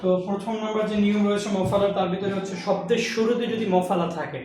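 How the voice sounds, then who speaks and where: A man's voice: high-pitched, fairly even intonation, quick pace, a little mellow, a little hiss or hum. A man teaching a language lesson to students, explaining step by step and asking and answering his own questions. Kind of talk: classroom lesson. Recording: echoey room recorded from a distance.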